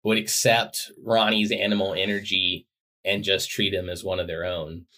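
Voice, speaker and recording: Low-voiced joking man, podcast co-host. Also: level tone, normal speed, pushed and bright. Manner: joking, playfully teasing. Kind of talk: casual chat.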